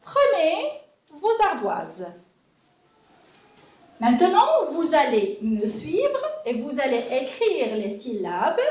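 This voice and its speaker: Lively slow-speaking woman teacher, roomy echo. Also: high voice. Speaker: primary school teacher. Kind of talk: classroom lesson for young children. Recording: echoey room, voice from a distance.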